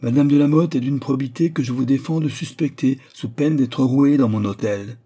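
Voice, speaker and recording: A haughty older cardinal-prince speaks with lofty, imperious scorn, as a male reader puts him on. His voice sits low, dark and husky. The storybook delivery keeps his tone proud and commanding. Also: normal speed. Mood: angry.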